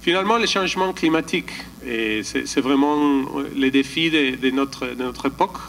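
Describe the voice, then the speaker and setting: A man's voice: mid-range voice, normal speed, creaky, fairly bright tone, slight background noise, rough recording. A man giving a slide presentation at a conference, hesitant, often restarting and searching for words. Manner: calls for the next slide.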